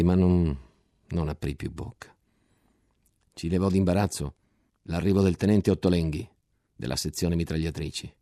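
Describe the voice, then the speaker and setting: Low dark male voice reading a war memoir, dry close sound, measured and dramatic. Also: no echo. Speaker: reader.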